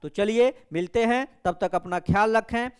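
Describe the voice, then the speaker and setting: A man's voice: sits high, normal speed, clean tone. A man, a young adult teacher giving exam aspirants an update and urging them on, repeating his warnings. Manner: urgent, repetitive exhortations. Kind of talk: direct-to-camera exam update.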